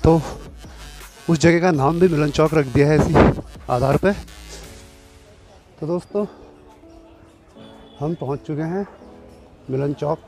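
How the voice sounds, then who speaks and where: Brief: young man, slightly sore throat, slightly high voice, outdoor market, faint music under it. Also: slow pace, gravelly, pauses often, a little mellow. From Uttarakhand, India. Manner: chatty tour-guide address to viewers. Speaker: vlogger. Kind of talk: walking city tour vlog. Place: outdoors in busy market streets.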